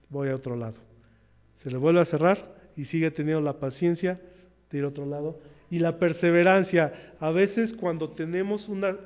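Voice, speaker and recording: Young man, chatty sermon, somewhat high voice, long church hall reverb. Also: a little mellow. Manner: conversational, asks the congregation questions. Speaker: preacher.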